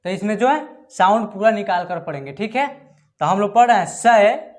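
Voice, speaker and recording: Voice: mid-range voice, expressive, normal speed. A reading teacher in an online lesson, sounding out words syllable by syllable and quizzing viewers.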